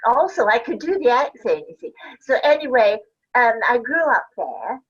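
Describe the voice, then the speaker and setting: Older woman from Scotland, higher voice, chatty guest, lo-fi recording. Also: sing-song, moderate pace, breathy edge. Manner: chatty, laughing, rambling anecdotes. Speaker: interview guest, actress. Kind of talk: casual chat.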